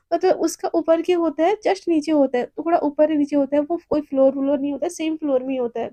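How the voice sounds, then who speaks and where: Chatty high-voiced young woman storyteller. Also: mellow, no room sound. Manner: chatty, rambling, repeats words. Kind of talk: casual oral storytelling.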